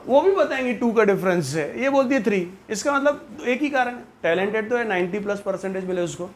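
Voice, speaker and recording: A man's voice: high-pitched, animated, brisk, a little hiss or hum. A man teaching a maths class, teasing and joking with his students. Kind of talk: classroom lecture.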